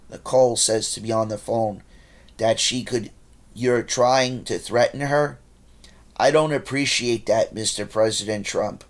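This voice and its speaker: A man with a voice of ordinary pitch records a rambling monologue straight to camera. He sounds agitated and accusatory, turning to address people directly as he goes. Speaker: vlogger.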